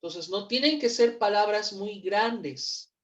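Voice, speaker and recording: A woman teaching English in in an online class, patient and repeating each word slowly for pronunciation. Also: mid-range voice. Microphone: computer mic on a video call.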